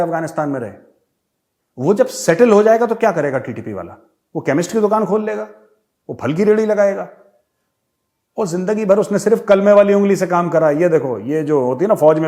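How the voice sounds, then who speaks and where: Brief: sarcastic male host of a political commentary show, higher than average voice. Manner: sarcastic, mocking, animated. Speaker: host, retired army major.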